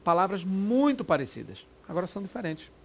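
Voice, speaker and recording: A man teaching a Portuguese exam prep lesson in a lively, quick, informal way, often checking that the class follows. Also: sits high, gravelly, husky.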